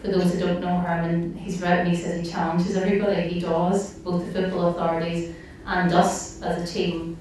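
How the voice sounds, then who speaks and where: A woman gives an earnest speech at an evening event, her slightly low voice filling with the echo of a large hall. The mic sits some distance from her. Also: level tone, moderate pace, a little mellow, a little hiss or hum. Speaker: staff member at a campaign organisation.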